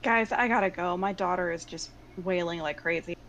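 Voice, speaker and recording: A woman's voice: lowish voice, moderate pace, a bit bright, slight background noise. A woman in a tabletop game chat, speaking bluntly and with exasperation, swearing. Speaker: player.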